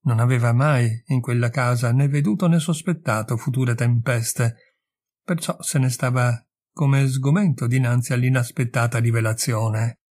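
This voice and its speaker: Husky man reading a story aloud. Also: mid-range voice, darkish tone. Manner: measured, deliberate narration. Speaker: narrator. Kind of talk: audiobook reading.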